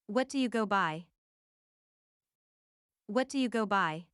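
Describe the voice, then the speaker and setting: A woman at a mid pitch reads short practice phrases at an unhurried pace, repeating each one several times in an even, deliberate way. Her voice is smooth and clear, recorded dry and close with no room sound. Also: dry recording. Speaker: English phrase reader. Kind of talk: slow read-aloud of practice phrases.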